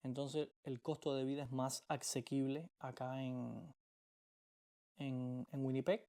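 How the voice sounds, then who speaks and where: Relaxed man answering viewer comments. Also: medium pitch, vocal fry. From Cuba. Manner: relaxed, unhurried, with frequent hesitations. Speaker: vlogger.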